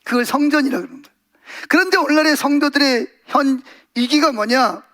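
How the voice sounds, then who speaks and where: Speaking briskly in a remarkably high voice, a male pastor gives a lively Sunday sermon. He slips into other voices to play out scenes and keeps firing questions at the congregation.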